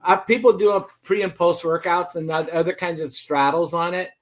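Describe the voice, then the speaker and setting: A man's voice: high-pitched, fairly even intonation, moderate pace. A man hosting a casual livestream chat, telling stories in a rambling way with many restarts. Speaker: host.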